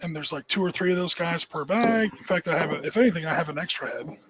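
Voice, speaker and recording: Deadpan male co-host, high voice, clear background noise on the line. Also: quick pace. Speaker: podcast co-host. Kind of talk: casual hobby chat.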